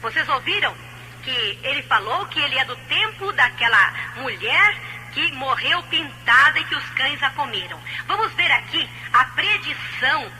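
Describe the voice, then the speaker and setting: A woman's voice: high voice, big pitch swings, normal speed. A Brazilian woman teaching a Bible study in an insistent, admonishing manner, on an old dubbed cassette tape. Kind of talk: religious teaching, exhorting. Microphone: recorded on cassette. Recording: old cassette tape dub copy, hiss, hum.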